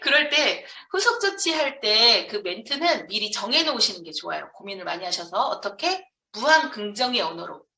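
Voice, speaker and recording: Her voice is mid-range, bright, and forceful, with big pitch swings, a moderate pace, and few pauses. This Jeonju, South Korea woman lectures an audience on motivational business training, emphatically posing questions she then answers herself, recorded from a distance in an echoey room.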